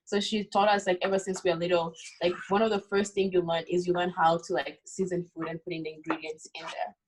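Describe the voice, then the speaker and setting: A woman's voice: fairly low pitch, level tone, fairly quick, a little hiss or hum, rough recording. A young adult woman from the Congo talks through a cooking demonstration in a casual, chatty way. Her speech is loose and friendly, full of "like" and "um" fillers as she explains each step. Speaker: cooking guest.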